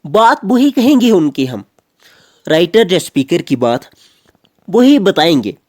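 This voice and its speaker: Man, teacher, lively pitch, dry close recording, step-by-step explanation. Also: breathy edge, no room sound. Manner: explains step by step, repeating key phrases. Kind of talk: grammar lecture.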